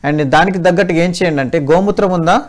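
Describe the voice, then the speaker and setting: A man, a doctor on a call-in health show, talks callers through remedies in a patient, step-by-step way. His voice sits a bit high for a man. He addresses the callers kindly as mother. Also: quick pace. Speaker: doctor giving advice to callers. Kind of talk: phone-in health advice.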